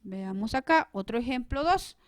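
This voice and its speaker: A woman teaching a recorded grammar lesson, explaining clearly and stressing syllables hard when she gives examples. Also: fairly high pitch, expressive, normal speed, dry recording, clean studio sound.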